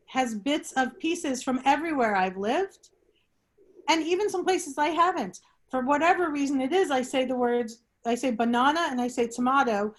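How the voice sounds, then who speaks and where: A woman hosting an online group chat, talking in a rambling, animated way with many restarts. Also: high-pitched. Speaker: discussion host. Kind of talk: casual talk to an online group.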